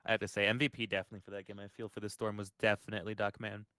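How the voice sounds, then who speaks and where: A man's voice: lowish voice, little pitch movement, pushed and bright, smooth, no echo. A man casting a live esports match, calling plays and breaking down fights. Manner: quick play-by-play, analytical. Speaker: esports caster.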